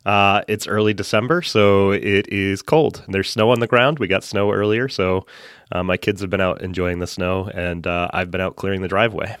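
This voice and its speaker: A man with a lowish voice speaks as a podcast guest in relaxed, easygoing chat. He is from central Massachusetts and often stops to restart his sentences. The sound is dry and close, with almost no room in it. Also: moderate pace, clean tone, no echo. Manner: relaxed, chatty, with frequent fillers and restarts. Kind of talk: casual interview chat. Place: home basement.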